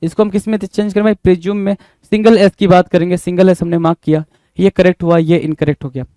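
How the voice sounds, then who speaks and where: Indian male spelling tutor, high clear voice, dry close sound, spells letter by letter, asks and answers himself. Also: little pitch movement, fast talker, mellow, no echo. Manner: calls listeners "bhai" often. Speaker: English spelling teacher. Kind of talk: online exam-prep lesson.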